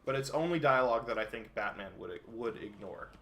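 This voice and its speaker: A man's voice: mid-range voice, a little fast, pushed and bright, a little hiss or hum. A man giving casual gameplay commentary as a streamer, chatty and explanatory. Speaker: gaming streamer.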